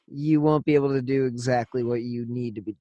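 A man's voice: mid-range voice, steady tone, a little fast, warm tone, no room sound, lo-fi sound. A man hosting a podcast who talks bluntly and swears freely in casual chat. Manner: blunt, profane, heated venting. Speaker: podcast host.

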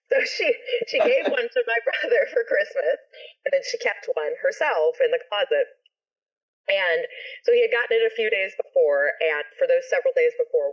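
Animated woman telling a story, lo-fi. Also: on the low side. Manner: animated, expressive, swears freely. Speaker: singer and guest. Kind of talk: casual storytelling in a podcast interview.

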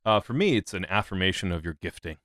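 A man hosting a casual podcast who speaks haltingly with many fillers. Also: sits low, lively intonation, a bit bright, no echo, studio quality. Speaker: podcast host.

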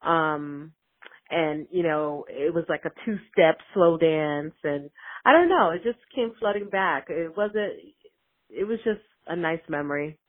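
Woman caller leaving a voicemail, thoughtful and halting, heard over a thin phone line. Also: deep voice. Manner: hesitant and reflective, many ums. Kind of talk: casual voicemail message.

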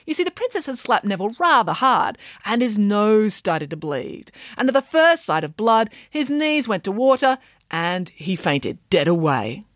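A woman doing a grand, bossy nanny who tells her tale with relish. Her voice leaps high and swoops with theatrical emphasis. The sound is very close and dry. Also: very animated, moderate pace, fairly bright tone, no echo. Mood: indignant.

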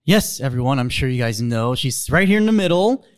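A man's voice: mid-range voice, big pitch swings, fairly quick, clean tone. A man co-hosting a podcast, easygoing and agreeable, asking the guest questions. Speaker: podcast co-host. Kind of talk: casual podcast chat.

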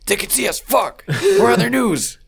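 Man doing a high-pitched panicky alien crewman. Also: lively intonation, slow pace, fairly bright tone, full character voice. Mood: panicked, exasperated. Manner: sweary, exasperated.

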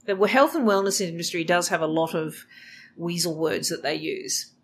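A man with a notably high speaking voice co-hosts a chatty podcast. He mostly murmurs along, then disagrees in a skeptical, measured way. Faint noise sits under the recording. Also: fairly bright tone. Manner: skeptical, frequent short murmurs of assent. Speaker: podcast co-host. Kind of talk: casual conversational chat.

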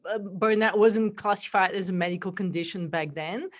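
A woman's voice: medium pitch, moderate pace. Bulgarian-accented woman telling her story. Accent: Bulgarian, mixed with Australian and American. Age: middle-aged. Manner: warm storytelling, frequent fillers and laughs. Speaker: podcast guest. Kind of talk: casual interview chat.

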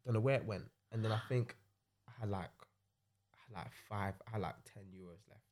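Young male, London urban roadman accent, rapid slangy conversational storyteller, frequent "innit". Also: fairly low pitch, a little mellow. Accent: London-style urban British, roadman slang. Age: young adult. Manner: slangy, tags sentences with "innit". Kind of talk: casual chat, anecdotes.

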